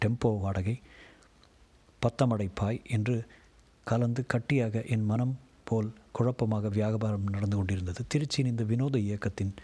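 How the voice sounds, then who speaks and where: Low, husky male storyteller. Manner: measured, steady storytelling. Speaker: narrator. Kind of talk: audiobook reading of a novel.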